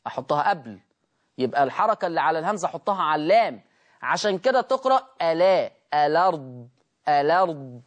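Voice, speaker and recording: An Egyptian Arabic-accented man leads a Tajweed recitation lesson. He keeps firing questions at the class and answering them himself. He drags out example words slowly to show how they should be pronounced. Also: on the high side. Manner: asks and answers his own questions, drawn-out demonstrations. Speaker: Quran recitation teacher.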